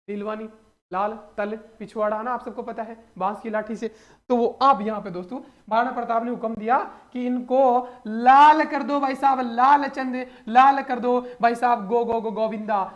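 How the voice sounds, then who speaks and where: A young man teaching exam material as a coaching teacher, in an energetic, jokey lecture full of repeated phrases and memory tricks. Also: sits high. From Rajasthan, India. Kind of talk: animated mnemonic lecture.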